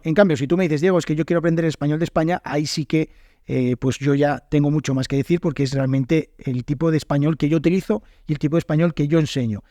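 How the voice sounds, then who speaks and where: Man, northern Spanish accent, podcast host and language teacher, fairly high voice, unscripted, lots of fillers and restarts, dry close sound. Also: mellow, no echo. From northern Spain. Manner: unscripted, thoughtful, frequent fillers and self-corrections. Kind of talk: solo podcast monologue.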